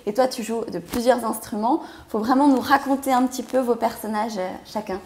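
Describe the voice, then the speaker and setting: A woman hosts a radio interview with upbeat, eager prompts. Her voice sits slightly high, and the recording carries a roomy echo. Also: steady tone, a little hiss or hum. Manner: enthusiastic, quick affirmations. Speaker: radio host.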